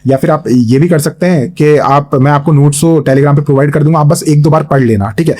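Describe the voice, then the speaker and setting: Hoarse young male tutor, mellow voice. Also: medium pitch. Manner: Hinglish, frequent fillers, checks in with "thik hai". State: voice getting hoarse. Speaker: exam-prep geography teacher. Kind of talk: online lecture with map.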